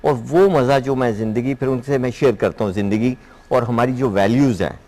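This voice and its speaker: A man's voice: medium pitch, brisk, warm tone. A man in his fifties with a Pakistani Urdu accent, a poet and lecturer guest talking earnestly, slipping into English phrases. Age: 50s. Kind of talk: TV talk show interview.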